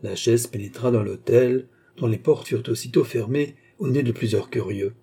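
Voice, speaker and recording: A man reads a classic novel aloud at a measured pace. His voice is mellow and a little husky. He lifts his pitch when he voices the characters. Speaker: audiobook reader. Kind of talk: scripted narration of a classic novel.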